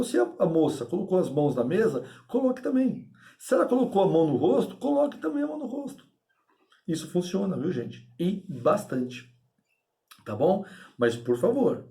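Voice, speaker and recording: A man giving a lecture to his class, lively and emphatic, often asking his listeners if they agree. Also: a little high. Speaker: instructor.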